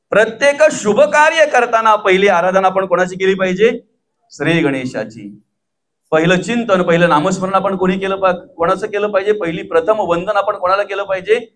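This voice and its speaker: A man's voice: high-pitched, fairly bright tone. A man from Maharashtra telling a devotional story as a preacher, constantly throwing rhetorical questions to his listeners. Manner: rhetorical questions to the audience, call-and-response.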